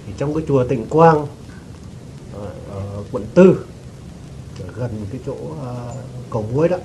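A man respectfully telling his teacher a story he witnessed, in a hesitant, halting way, with frequent restarts and throat-clearing. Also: mid-range voice, animated, dark tone. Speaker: devotee giving testimony. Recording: noisy recording with rain behind.

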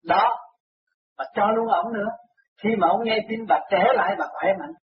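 A man's voice: sits high, normal speed. A man acting as a spiritual counselor who reassures and lectures in casual chat. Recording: muffled recording, faint noise.

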